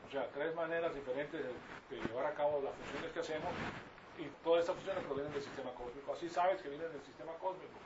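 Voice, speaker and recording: An older Venezuelan preacher with a slightly high, fast male voice gives an informal Bible-teaching sermon to his congregation. His manner is didactic and repetitive, with rhetorical questions to check in with listeners. The audio is muffled and clearly noisy, picked up by a distant mic.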